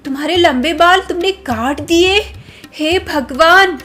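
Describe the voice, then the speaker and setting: Woman doing a shrill, fretful sister-in-law. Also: measured pace, a bit bright, soft background music. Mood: shocked. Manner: alarmed, shrill exclamations. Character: anxious young sister-in-law, fretful and timid.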